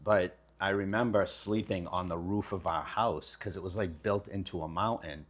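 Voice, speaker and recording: Low-voiced guest in his fifties from Lebanon, relaxed and candid storyteller. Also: normal speed. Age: 50s. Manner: relaxed, candid, talks with casual slang. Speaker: guest, kitchen design business owner. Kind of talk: casual storytelling.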